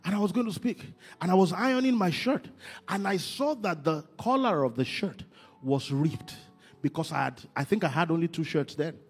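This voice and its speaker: A man preaching a sermon, moving from quiet talk to shouted, sing-song emphasis. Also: sits high, lively intonation, normal speed, breathy edge, faint music behind. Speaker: pastor.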